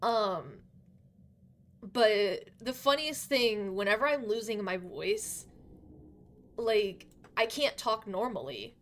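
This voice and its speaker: Gaming live from her bedroom, a young adult woman chats in a giggly, meandering way full of fillers. Her medium-pitched voice is expressive and unhurried, though a little tired from having lost it lately.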